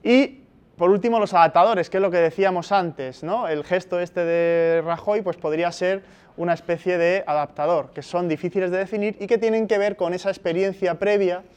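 A man's voice: high voice, fairly even intonation, moderate pace, darkish tone, clean tone. A man from Spain giving a university lecture, explaining step by step and checking in with frequent tag questions. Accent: Spanish from Spain.

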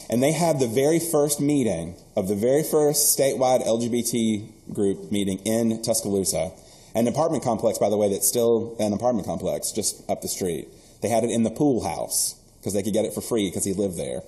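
A man from the US South, an archivist giving an animated, earnest keynote lecture with joking asides in a university hall. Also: lowish voice.

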